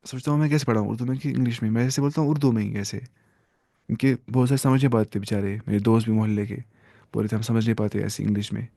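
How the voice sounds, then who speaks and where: A man teaching an Arabic grammar lesson, drilling phrases slowly, repeating them and asking the listener questions. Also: on the low side, fairly even intonation, vocal fry, mellow, no echo, clean studio sound. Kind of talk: grammar lesson, mixing Urdu, Arabic and English.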